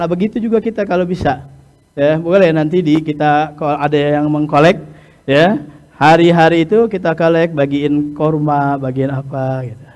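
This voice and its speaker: A middle-aged man giving a lesson to hajj pilgrims, talking in a lively way, often checking in with "ya" and chuckling, and sometimes acting out loud, high-pitched exchanges. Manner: peppers talk with "ya" and chuckles. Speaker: hajj instructor. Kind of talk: religious lesson lecture.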